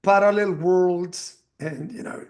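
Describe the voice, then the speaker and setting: A man with a notably high voice hosts a casual podcast interview. He asks his questions in a friendly, conversational way. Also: steady tone, slow, darkish tone. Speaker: podcast host.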